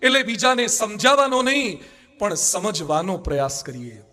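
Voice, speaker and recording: A man's voice: high voice, big pitch swings, normal speed, sharp tone. A man with a Gujarati accent, a monk giving a sermon, telling anecdotes and acting out the people in them. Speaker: Swaminarayan monk preacher.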